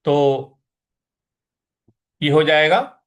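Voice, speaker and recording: A man teaching how to pronounce and recite a Sanskrit verse, saying each word slowly and repeating it, chanting whole lines, then explaining quickly. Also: fairly high pitch. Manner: occasionally clears throat. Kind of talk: slow syllable-by-syllable recitation lesson.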